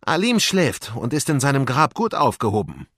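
A man's voice: mid-range voice, sing-song, moderate pace, fairly bright tone, no room sound, clean studio sound, pitched above the performer's own voice. A man voicing a sinister old male vizier sorcerer, murmuring and commanding, for a storybook reading. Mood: menacing.

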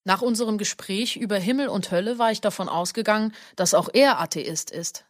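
A woman giving a measured first-person audiobook narration. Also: medium pitch, dry recording, studio quality.

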